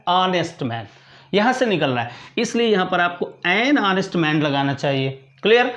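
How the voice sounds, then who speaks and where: High-voiced Indian teacher asking "clear?". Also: male voice, a bit bright. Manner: explains patiently, repeats words, keeps asking "clear?". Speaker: English grammar teacher. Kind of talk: classroom lecture.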